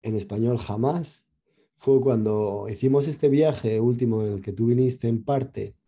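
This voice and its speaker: A young man from Spain with a Spain Spanish accent tells stories in an easygoing podcast chat. His voice is deeply mellow and a little husky. It comes through a dull, muffled lo-fi recording. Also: measured pace. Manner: storytelling, easygoing. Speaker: podcast co-host. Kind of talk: casual chat.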